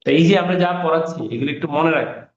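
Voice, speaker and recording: A male teacher leads an online class in a slightly high voice at a rapid-fire pace. He repeats key words and quizzes his students along the way, and the audio sounds roomy and dull.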